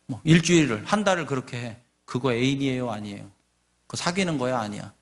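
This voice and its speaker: A man's voice: medium pitch, lively intonation, a little fast. A male pastor giving a sermon in a conversational way, asking the congregation rhetorical questions and acting out quoted speech. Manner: acts out nagging voices and quoted speech.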